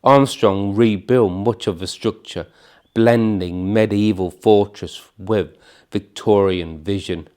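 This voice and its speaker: A man reading scripted documentary narration in measured, solemn phrases with dramatic pauses. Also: fairly low pitch, warm tone, clean tone.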